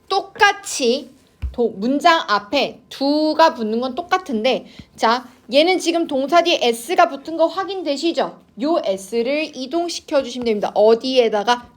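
A woman's voice: sits high, expressive, a little slow. A woman teaching an English grammar class, coaxing her students and checking in with them constantly. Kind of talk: online class lecture to students.

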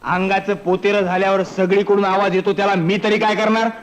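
A man's voice: sits high, flat delivery, brisk, natural voice. An actor playing a boastful, scheming village thief in a film comedy, chatty and laughing as he bosses others around. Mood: scheming, chuckling. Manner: chatty, laughing, wheedling and bossy. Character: sly, boastful village thief, middle-aged man.

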